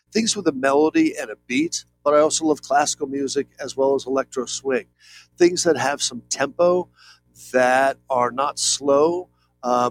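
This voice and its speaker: This is a reflective, conversational interview with a male painter, late fifties, whose voice sits at a medium pitch. The recording quality is poor, some music plays faintly underneath, and he comes across as earnest, meandering, and heavy on fillers, often saying "if you will."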